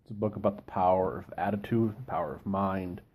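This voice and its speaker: A man giving a reflective solo talk, explaining and quoting in a deliberate, halting way with pauses mid-phrase. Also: sits low, darkish tone, husky. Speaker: book reviewer giving an informal chat.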